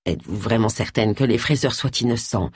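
Narrator puts on a worried older man for an audiobook mystery, deeper and wary, husky, close and dry. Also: fairly quick, no room sound, lightly acted. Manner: hesitant, apprehensive. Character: older male friend, cautious and worried.

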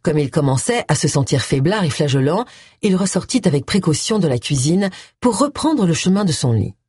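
A woman reading a story aloud as an audiobook narrator, with a steady, even delivery. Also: deep voice, brisk, slightly rough, no echo. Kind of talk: scripted narration. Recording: dry close studio sound.

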